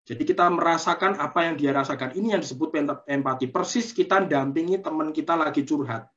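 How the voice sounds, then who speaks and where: A man's voice: a little high, fast talker, fairly bright tone, highs cut off. A man giving a webinar talk on parenting, explaining patiently and often checking in with short tags like "you see". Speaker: parenting speaker. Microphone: video call.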